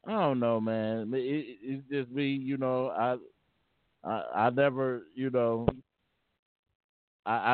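This vlogger, speaking in a mid-range voice, shares something from his own life earnestly and informally, frequently restarting and repeating himself. The audio sounds thin and phone-like, dry with no room sound.

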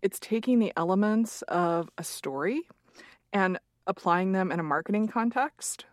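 A woman's voice: medium pitch, animated, normal speed, dry recording. Dry-sounding woman podcast host. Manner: warm and encouraging, frequent "mm-hmm" and "um". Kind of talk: casual interview chat.

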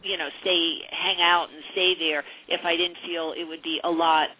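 Lowish-voiced woman hosting phone-in radio. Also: level tone, moderate pace, slightly rough. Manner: hesitant, reflective, often repeats phrases. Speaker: psychic advice radio host. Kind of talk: conversational live call-in advice. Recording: narrow phone-like radio sound.

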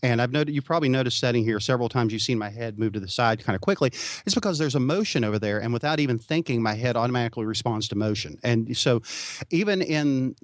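A man's voice: mid-range voice, expressive, quick pace, dry recording, clean studio sound. A man co-hosting a paranormal podcast, chatting casually in a rambling, self-deprecating way. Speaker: podcast co-host. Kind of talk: casual chat.

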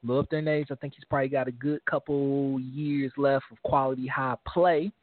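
A man co-hosting a casual sports talk show, animated and joking, leaning on "man" at the end of his lines. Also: medium pitch, normal speed, no room sound. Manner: animated trash talk, laughing, repeats "man". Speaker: podcast co-host. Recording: dry, phone-like lo-fi audio.

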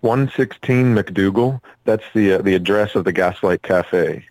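A man's voice: low-pitched, measured pace, a little mellow, no echo, low-quality recording. A man speaking as a musician and actor guest in a casual interview, earnest and a little hesitant.

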